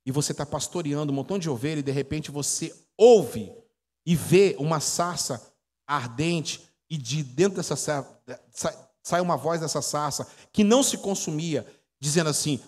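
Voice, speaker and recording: An echoey church hall holds the sermon of a Brazilian pastor in his forties, whose voice sits on the high side with a darkish tone and a moderate pace. Speaking with a Brazilian Portuguese accent, he teaches chattily, telling stories and quizzing his audience.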